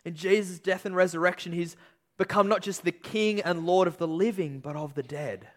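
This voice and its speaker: Slow, emphatic preacher man. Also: sits high. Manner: emphatic, rising and falling delivery with slow stressed phrases. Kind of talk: sermon.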